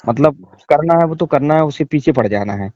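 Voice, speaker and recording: A man's voice: a little high, animated, brisk, a little mellow, no room sound, highs cut off. A man, a guest in a casual conversation, describing things in a searching, repetitive way over a video call. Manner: searching, repetitive, thinking aloud.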